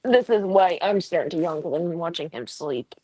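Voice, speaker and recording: A woman hosting a reading livestream from home, chatting casually and telling stories in a relaxed way. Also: on the low side, moderate pace, low-quality recording. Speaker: sprint host on a reading livestream. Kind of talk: casual chat. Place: at home with her dog.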